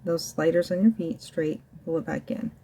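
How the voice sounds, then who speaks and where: A woman's voice: low-pitched, fairly even intonation, moderate pace, warm tone, slight background noise. A woman working as a fitness instructor, coaching a home ab workout while demonstrating the floor exercises herself. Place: indoors at home.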